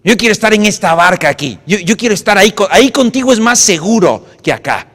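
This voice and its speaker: A preacher puts on the apostle Peter, an eager man who pleads in a high, strained voice that leaps about. The sermon-style retelling rings through a church hall with a long echo. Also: big pitch swings, fast talker, a bit bright, heavily acted. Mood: pleading. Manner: urgent, raised pleading voice.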